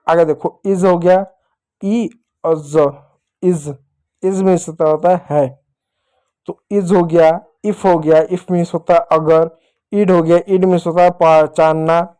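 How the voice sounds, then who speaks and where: A man's voice: high-pitched, warm tone. A man teaching young children in a patient lesson style, repeating each step and asking questions that he answers himself. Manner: patient, repetitive explaining, asks questions and answers them himself.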